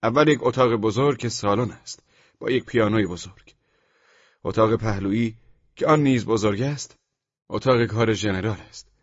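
A man narrating a literary novel as an audiobook, in a measured storytelling manner. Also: fairly low pitch, no echo, lo-fi sound. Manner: measured storytelling, with the dialogue lines acted out loudly.

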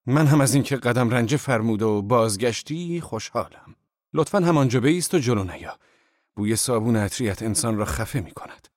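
A man's voice: on the low side, expressive, no room sound, studio quality. A man voicing an educated male boss in an audiobook, talking in a mock-angry, sarcastic way.

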